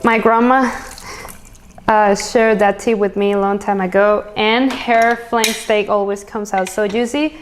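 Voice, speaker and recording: A woman's voice: mid-range voice, steady tone, measured pace, a little hiss or hum. A woman from Venezuela hosting a cooking video, chatting casually and listing ingredients as she prepares meals. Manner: chatty, upbeat, lists ingredients as she cooks. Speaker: cooking channel host. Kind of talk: casual recipe walkthrough.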